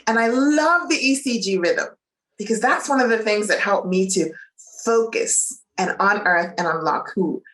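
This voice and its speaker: A woman from Bermuda talks as an interview guest, in an emphatic and motivational manner close to preaching. She keeps a medium pitch and leans hard into her key phrases. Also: normal speed, reverberant, rough recording. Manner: animated, preacherly, emphatic with faith references. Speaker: nurse and coach.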